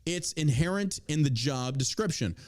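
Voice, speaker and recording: A man's voice: a little high, animated, moderate pace. An American man hosting casual political commentary, opinionated and emphatic, swearing freely as he reads out and reacts to news. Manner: opinionated, emphatic, heavily profane.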